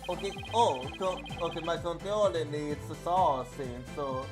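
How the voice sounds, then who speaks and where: A man's voice: fairly high pitch, a little slow. A man streaming a game, thinking aloud and musing to himself as he plays. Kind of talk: casual gameplay commentary. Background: game music.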